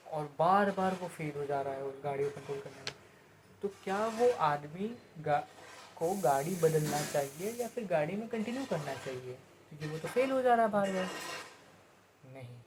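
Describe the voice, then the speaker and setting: This motivational speaker gives a casual talk, leaning on everyday examples and rhetorical questions and shifting into slower, deliberate English phrases. His voice sits on the high side, and there is background noise.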